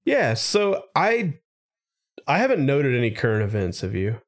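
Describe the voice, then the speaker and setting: Slightly congested man with lively, swinging pitch. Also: normal speed. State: slightly congested from a cold-like illness. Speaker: podcast co-host. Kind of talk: casual tech podcast chat.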